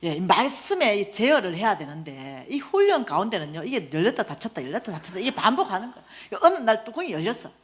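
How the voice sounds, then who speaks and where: A woman, a church lecturer telling stories in an animated sermon. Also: medium pitch, fast talker, few pauses. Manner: animated, acts out quoted voices. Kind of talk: lively storytelling sermon lecture.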